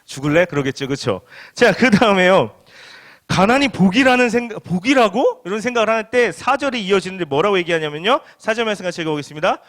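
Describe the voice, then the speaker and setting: A young adult male pastor gives a youth group a casual, conversational sermon, asking listeners questions and acting out everyday reactions in quick quoted asides. His voice is high, animated and fairly bright.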